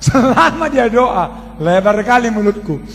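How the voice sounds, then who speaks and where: Brief: high-pitched male pastor, lively colloquial sermon, echoing through a large church hall. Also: unhurried, slight background noise. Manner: animated, colloquial, addresses the congregation as "saudara". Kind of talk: storytelling sermon. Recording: long reverb of a large hall.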